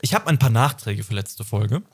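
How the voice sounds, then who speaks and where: A man's voice: on the low side, animated, normal speed, slightly rough. Rambling young man in casual chat. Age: 20s. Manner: rambling, self-correcting, laughs often. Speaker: podcast co-host.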